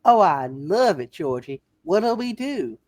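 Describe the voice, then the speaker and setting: Woman as Violet Bick, animated small-town flirt. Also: fairly low pitch, slow, no echo, exaggerated voice. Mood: coy, flirty. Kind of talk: hammed-up live radio play reading.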